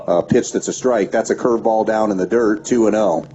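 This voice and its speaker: Male radio play-by-play voice, warm low tone, steady pitch-by-pitch calls, muffled lo-fi broadcast. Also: brisk. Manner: steady pitch-by-pitch calling with stats between pitches. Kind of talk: baseball play-by-play commentary. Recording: dull lo-fi radio broadcast with faint background noise.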